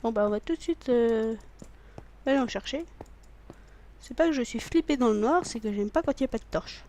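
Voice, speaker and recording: A gaming video maker with a very high voice gives brisk, animated let's play commentary, rambling and joking with puns. He swears casually, talks to himself and his viewers, and bursts into loud exclamations, with a little hiss or hum in the background.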